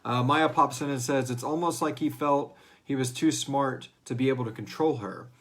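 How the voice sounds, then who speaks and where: This man speaks in a mid-range, slightly bright voice at a normal speed. As host and writer of a serialized audio fiction series, he keeps his question-and-answer discussion casual, acting out the odd character line in passing.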